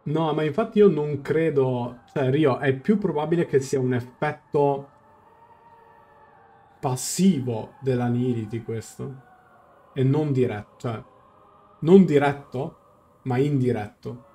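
Speaking slowly in a mellow, medium-pitched voice, a young adult streamer offers relaxed live commentary over game music. He thinks out loud, explaining and translating along the way.

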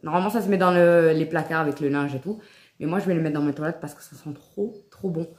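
A home vlogger enthusiastically shows viewers her shopping haul in a casual video, full of fillers and little "hop"s. Her voice sits low and a bit mellow, and she talks quickly in an echoey room with faint background noise.

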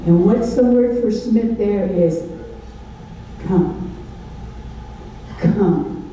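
A woman's voice: medium pitch, very slow, mellow, muffled recording, slight background noise. An older woman teaching a Bible study sermon from a lectern with a handheld mic, asking the audience questions and preaching emphatically. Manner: call-and-response questions, emphatic. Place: large dark stage at a lectern. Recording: echoey hall, from far off, faint ambience.

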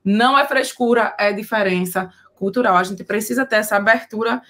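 A woman's voice: medium pitch, a bit bright. Brazilian woman teaching pronunciation. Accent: Brazilian Portuguese. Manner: explanatory, slows down to model pronunciation. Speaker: language teacher. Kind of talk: casual video lesson.

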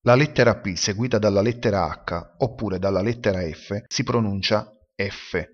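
A man teaching a language lesson, explaining pronunciation and sounding words out slowly and deliberately. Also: fairly low pitch. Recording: dull lo-fi recording.

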